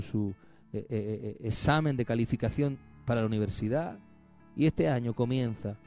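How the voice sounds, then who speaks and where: A man's voice: mid-range voice, dark tone. A man preaching a sermon with rising fervor, calling the congregation to repeat after him. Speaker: pastor.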